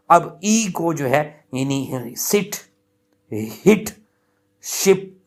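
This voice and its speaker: A man teaching a lecture on English pronunciation, explaining patiently with many fillers, repeating points and stretching out example words. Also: on the high side.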